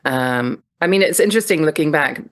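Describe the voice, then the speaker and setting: A woman's voice: low-pitched, lively intonation, a little fast, a bit bright. A middle-aged woman raised across Europe, answering interview questions in a thoughtful, reflective way and laughing easily. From Europe (Netherlands, France, Germany). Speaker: podcast guest.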